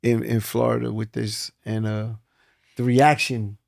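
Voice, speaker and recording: Gravelly 50s guy thinking out loud, earnest, dry close mic. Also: mid-range voice, flat delivery, a little slow, dry recording. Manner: earnest, reflective, repeats words as he thinks. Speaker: guest, film producer. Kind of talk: casual chat.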